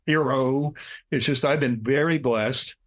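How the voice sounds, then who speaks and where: Give me an older man, a keynote speaker, chatting as a guest and acting out his stories with animated pitch swings. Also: unhurried, rough recording. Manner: animated storyteller, acts out quotes with big pitch jumps. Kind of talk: storytelling interview chat.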